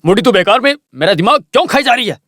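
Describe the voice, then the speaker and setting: A man's voice: sits high, animated, very fast, no room sound. Give me a man voicing a furious, threatening creditor in a dubbed film scene. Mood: angry. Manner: angry, threatening, shouting. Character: furious man chasing a debtor for money. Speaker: angry creditor. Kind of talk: Hindi film dubbing.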